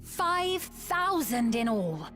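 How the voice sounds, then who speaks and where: A woman voicing a serene, regal young queen in a video game, speaking in a calm, measured, stately way over game music. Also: fairly high pitch, exaggerated voice. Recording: game audio with soundtrack music behind.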